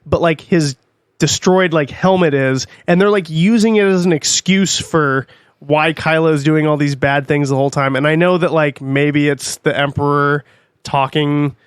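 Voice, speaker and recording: Rambling, swearing podcast co-host. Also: male voice, a little high, moderate pace, smooth, no room sound, studio quality. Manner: rambling, swears often, animated asides. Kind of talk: casual chat.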